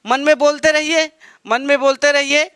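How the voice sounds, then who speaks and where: A male teacher giving a slow exam-prep lecture, repeating each item and quizzing his students. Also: extremely high pitch, steady tone, a bit bright, dry recording, clean studio sound.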